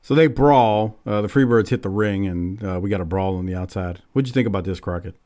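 A man's voice: fairly low pitch, brisk, warm tone. Offhand male host in casual recap chat. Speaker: podcast host.

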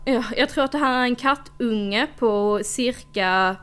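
Young woman on a podcast, kinda high voice, telling a story all animated and doing everyone's lines. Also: clean tone. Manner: animated storytelling, acts out quoted dialogue. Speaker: podcast co-host. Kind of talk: casual podcast chat.

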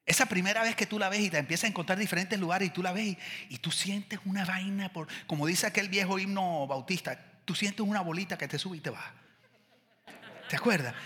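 A man preaching a sermon in an animated, conversational way full of slang and playful asides. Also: high voice, long reverb tail.

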